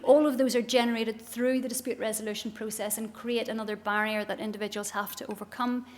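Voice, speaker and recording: A woman's voice: fairly high pitch, flat delivery, fast talker, darkish tone. A middle-aged woman with a Northern Irish accent giving a formal research presentation. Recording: reverberant hall with faint noise.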